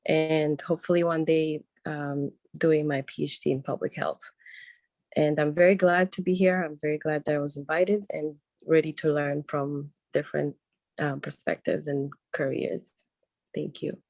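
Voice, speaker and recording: Low-voiced woman, dry sound. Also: level tone, normal speed, darkish tone, dry recording. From Rwanda. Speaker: participant introducing herself. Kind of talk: self-introduction on a video call.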